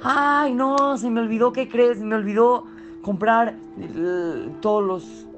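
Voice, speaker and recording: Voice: mid-range voice, normal speed, faint music behind, lightly acted. A storyteller voicing a poor man who nervously stalls at a store checkout. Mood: flustered. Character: poor flustered man shopping for a holiday.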